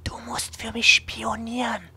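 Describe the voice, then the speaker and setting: An eager, secretive young woman librarian played by a man in a visual novel game. The voice is very high and breathy, like someone sharing a secret, often sinking into a conspiratorial whisper. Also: normal speed, bright, forceful tone, exaggerated voice. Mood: eager, hushed.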